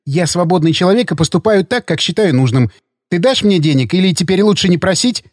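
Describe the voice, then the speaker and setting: A man voicing a young married woman in an audiobook, speaking in a sharp, hissing and cold way. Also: sits high, animated, a little fast, no echo, studio quality. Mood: cold, angry. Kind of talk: audiobook character reading.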